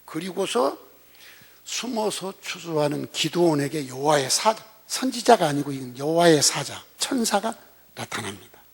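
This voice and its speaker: Animated older pastor preaching, gravelly high voice. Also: male voice, moderate pace. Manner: animated storytelling with rhetorical questions to the congregation; colloquial and blunt. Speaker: senior pastor. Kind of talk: sermon.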